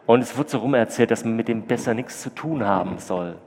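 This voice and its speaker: Male pastor, earnest conversational sermon, mid-pitched, echoing church hall. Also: fairly quick, a little hiss or hum. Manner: earnest, conversational, swings loud and soft. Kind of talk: sermon with storytelling.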